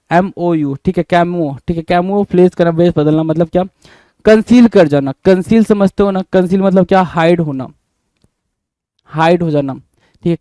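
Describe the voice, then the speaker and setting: Guy teaching vocab, highish voice, smooth and dry, spells stuff out letter by letter. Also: mellow, dry recording. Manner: spells words out letter by letter, asks and answers his own questions; addresses students as bhai and my child. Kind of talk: Hindi exam-prep vocabulary lesson.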